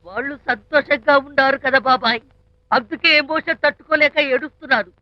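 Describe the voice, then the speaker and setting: An actor playing a teasing comic sidekick in a film, preaching with proverbs. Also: male voice, very high voice, brisk, no echo, muffled recording. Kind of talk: film comedy dialogue.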